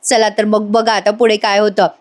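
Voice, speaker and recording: A woman's voice: mid-range voice, little pitch movement, normal speed. A woman narrating a voice-over review, chatty and opinionated as she retells a TV serial episode.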